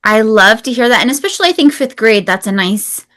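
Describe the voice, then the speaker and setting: A woman's voice: a little high, lively intonation, a little fast, fairly bright tone. Woman hosting a casual interview. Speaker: podcast host.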